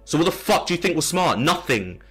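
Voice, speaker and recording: A man's voice: fairly high pitch, very animated, brisk, a bit bright, husky. A male streamer trash-talking opponents, taunting and insulting them with scornful repeated questions. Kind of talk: live-stream trash talk. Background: game music.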